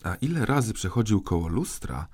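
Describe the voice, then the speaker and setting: A man reading a children's audiobook in measured, storytelling narration. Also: on the low side, big pitch swings, darkish tone, slightly rough. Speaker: audiobook reader. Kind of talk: scripted narration.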